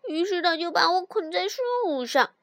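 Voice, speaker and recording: A woman telling a children's story in the first person, in an expressive, sighing way. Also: very high voice, normal speed, no echo, clean studio sound.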